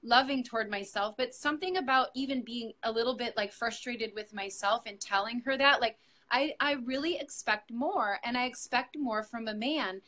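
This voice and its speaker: A woman's voice: on the high side, moderate pace, sharp tone. A middle-aged woman, a yoga teacher, speaking earnestly and reflectively in an interview, with frequent fillers and restarts. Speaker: yoga teacher sharing her story with her coach. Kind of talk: heartfelt interview testimonial.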